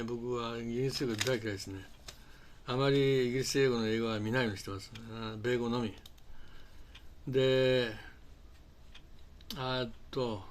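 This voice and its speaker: A man's voice: mid-range voice, a little hiss or hum. Rambling older man with speech. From Japan. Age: 60s. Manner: rambling, halting, full of fillers and restarts. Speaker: English conversation teacher. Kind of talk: casual talk to camera.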